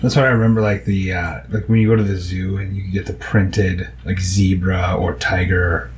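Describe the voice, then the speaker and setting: A man in casual chat, tossing in quick jokes. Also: deep voice, flat delivery, slight background noise, rough recording. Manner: joking, quick quips.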